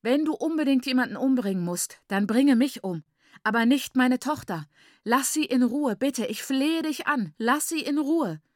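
A woman's voice: high voice, animated, moderate pace, no room sound, studio quality, voice pushed up. A woman voicing a desperate mother who wails and begs her husband to spare their daughter. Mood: pleading. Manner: wailing, begging. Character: pleading mother, wailing and desperate.

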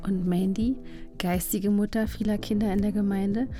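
A woman's voice: medium pitch, steady tone, normal speed, dark tone, soft background music. A woman podcast host and coach talking in an empathetic, encouraging way. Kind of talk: podcast conversation with recorded coaching session.

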